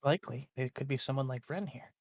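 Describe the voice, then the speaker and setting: A man playing a tabletop role-playing game, chatting casually and haltingly as he thinks through his character's moves aloud. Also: medium pitch, no room sound.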